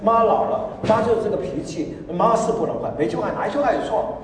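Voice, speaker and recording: A man's voice: high-pitched, fast talker, a little hiss or hum. A middle-aged man preaching a sermon as pastor, joking and laughing as he goes. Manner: animated, joking, laughs often. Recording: echoey hall from far off.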